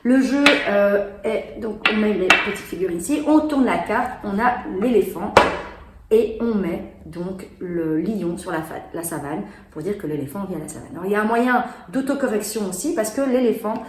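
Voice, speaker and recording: A woman's voice: mid-range voice, animated, moderate pace. A woman chats her way through a demo of children's board games, explaining each step as she plays. She sits in an echoey room, with faint noise in the background. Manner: chatty, explaining while playing. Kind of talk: casual product demo.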